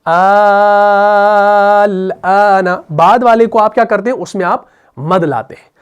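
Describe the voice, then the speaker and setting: A man with an Urdu accent teaching tajweed, explaining lively and often asking his students questions. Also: high-pitched. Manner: lively explaining, repeats questions to students, slow melodic recitation. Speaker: Quran recitation teacher. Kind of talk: tajweed lesson.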